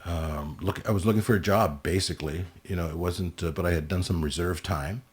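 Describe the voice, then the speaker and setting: A middle-aged French Canadian man from Montreal, Quebec, appears as a guest on a casual podcast. He tells stories with animation and plenty of laughter, his deep, slightly rough voice moving fairly quickly.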